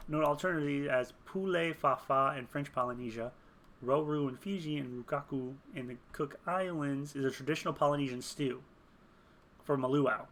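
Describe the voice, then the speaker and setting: A man with a fairly high, bright voice thinks aloud at a moderate pace while building a game character and searching online. He rambles and mutters as he types, chuckling at his own jokes.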